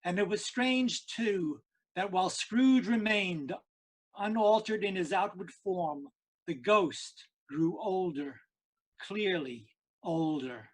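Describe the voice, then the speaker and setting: An actor playing a grave storyteller, narrating a Victorian ghost story with measured, theatrical phrasing. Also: male voice, high-pitched. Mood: solemn. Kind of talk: dramatic scripted narration.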